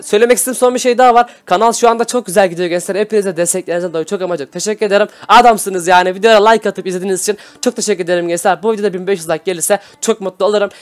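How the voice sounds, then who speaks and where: A young man from Adana giving excitable, slangy live commentary over a video game for his channel's viewers. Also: high voice. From Adana, Turkey. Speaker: gaming YouTuber.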